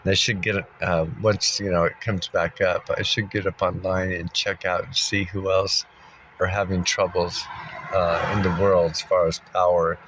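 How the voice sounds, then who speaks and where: Delivered flatly at a moderate pace, this wandering monologue comes from a very low-voiced male vlogger whose tone is fairly bright, full of ums, fillers, and restarts as he thinks aloud. He's congested from dust and clears his throat and coughs now and then, sitting in a dusty spot, possibly a car. The low-quality recording has faint ambience and a little hiss or hum.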